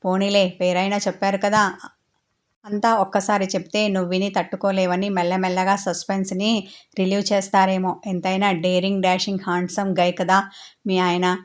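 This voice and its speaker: Cheeky young girlfriend, voiced by a woman narrator; teasing, even-pitched. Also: moderate pace, close to an everyday voice. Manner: teasing, mischievous.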